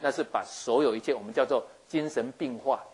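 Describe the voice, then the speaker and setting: A man giving a lively sermon, acting out scenes and often checking that his listeners follow. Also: mid-range voice, a little fast, slightly rough. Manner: animated, acts out scenes, keeps asking listeners if they follow. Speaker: preacher.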